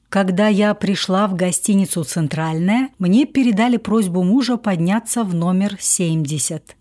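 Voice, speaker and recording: Woman audiobook narrator, measured and subdued, with a dark, mellow voice. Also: fairly low pitch. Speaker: audiobook reader. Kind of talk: first-person memoir narration.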